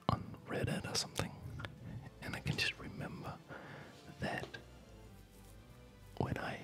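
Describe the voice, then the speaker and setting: Close to the microphone, a man hosting an ASMR gaming video whispers breathily over gameplay, chatting in a gentle, unhurried, rambling manner.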